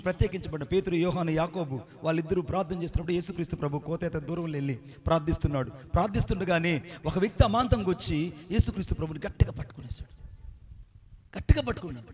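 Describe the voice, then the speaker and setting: A middle-aged male pastor giving a sermon, often firing questions at his listeners and acting out quoted dialogue. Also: high-pitched. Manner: rhetorical questions to the congregation.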